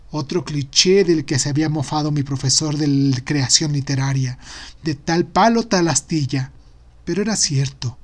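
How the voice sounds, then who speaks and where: A man narrates literary fiction in a somewhat high male voice. His delivery is that of an expressive audiobook reader, following the prose of a first-person story.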